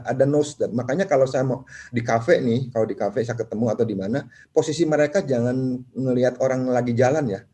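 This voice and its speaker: A man speaking at a property seminar, animated, acting out clients in quick voices. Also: medium pitch. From Indonesia. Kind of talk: lively seminar talk.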